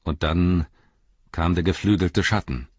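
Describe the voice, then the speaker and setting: A man's voice: low-pitched, measured pace, dry recording, lo-fi sound. A man voicing an earnest loyal chieftain.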